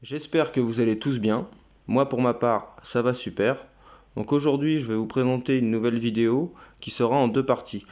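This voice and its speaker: A man's voice: medium pitch, steady tone, normal speed, darkish tone. A man, hosting his own channel, walking viewers through a website in a casual, hesitant way with many fillers. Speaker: crypto channel host. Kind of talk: casual screen-recorded walkthrough.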